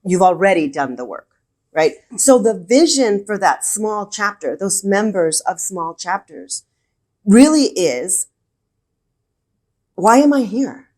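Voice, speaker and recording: In a conversational business podcast interview, a regional director from El Paso, Texas, talks in a medium-pitched, sing-song voice with a darkish tone and a slightly slow pace. She's keen and forceful, frequently saying her main words more than once.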